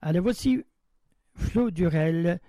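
A man's voice: high voice, lively intonation, slow pace, mellow, dry recording, poor audio. A man hosting a radio show, reading a short news item and then chatting loosely about it and the next songs. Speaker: radio host. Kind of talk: casual radio presenting.

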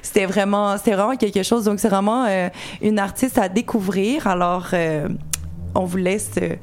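A woman's voice: mid-range voice, normal speed, a little mellow, a little hiss or hum. A woman hosting a live radio show from a studio, talking casually with many hesitations. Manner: hesitant, many "euh" fillers, laughs easily. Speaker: radio host. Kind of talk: live campus radio chat.

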